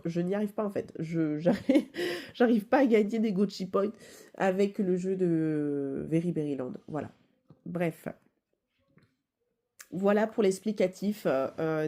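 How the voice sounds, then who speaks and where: Woman, stuffy nose from a cold, warm dark tone, hesitant, casual explaining. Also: fairly low pitch. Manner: hesitant, many fillers and self-corrections. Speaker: video game channel host.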